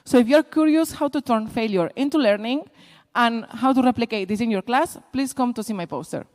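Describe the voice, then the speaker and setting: A woman presenting a short poster pitch at a conference. She talks in a lively way, laughs easily and lists items briskly. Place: conference hall. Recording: echoey lecture hall.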